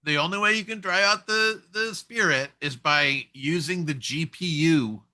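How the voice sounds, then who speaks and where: A man talking in a casual conversation, musing and telling stories with animated energy. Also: fairly high pitch, moderate pace. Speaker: co-host.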